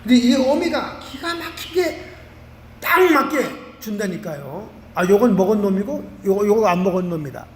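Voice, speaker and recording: High-voiced Korean pastor preaching in hall. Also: male voice, normal speed. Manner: animated preaching with vivid everyday examples. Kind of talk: sermon. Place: church sanctuary. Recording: roomy church hall from a distance.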